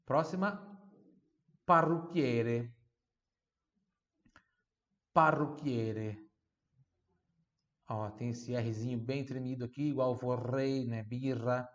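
A man giving an online language lesson, sounding words out slowly and repeating each one so the student can follow. The recording sounds a little dull and lo-fi. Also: medium pitch, steady tone, a little mellow. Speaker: Italian teacher.

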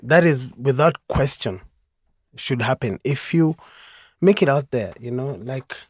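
A filmmaker sharing his view in an interview, thoughtful and pausing with many fillers. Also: mid-range voice, lively intonation, slightly rough, no echo, studio quality. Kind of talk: casual interview.

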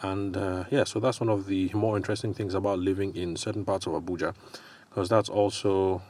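A man with a Nigerian accent hosting a solo podcast in a casual, explanatory way, often pausing hesitantly as he thinks aloud. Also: deep voice, steady tone, a little mellow. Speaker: podcast host.

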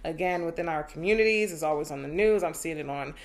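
A woman in her thirties hosting a casual solo podcast, animated and profane, laughing often and turning to spiritual reflections. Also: sits low, quick pace. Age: 30s. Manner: spiritual, preachy asides. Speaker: podcast host.

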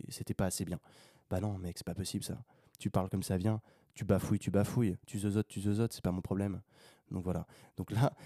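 Low, dark-voiced man podcasting casually. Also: no echo, studio quality. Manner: unscripted, rambling, addresses listener as a buddy, swears casually; animated rises when making a point. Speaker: podcast host. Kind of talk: casual solo podcast monologue.

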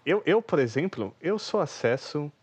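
A man's voice: fairly high pitch, very animated, moderate pace, darkish tone, slightly rough. A man co-hosting a podcast, reading news items and teasing his co-host. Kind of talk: casual comedic news reading.

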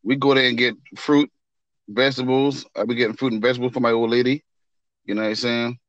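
A man's voice: medium pitch, steady tone, quick pace, fairly bright tone, no echo, dull audio. A man with a Charleston Gullah Geechee accent, chatting casually as a podcast co-host in colloquial phrases that he repeats for emphasis. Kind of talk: casual chat.

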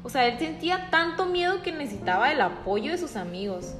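A woman's voice: high-pitched, expressive, brisk, echoey room, in a large hall, music in the background. A woman on a faith podcast, sharing a thoughtful reflection and searching for words. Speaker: podcast co-host. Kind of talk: reflective religious talk.

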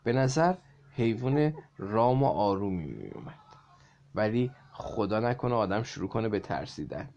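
A man reading a children's story aloud to a child in a lively way, stopping to explain words. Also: lowish voice, vocal fry, muffled recording.

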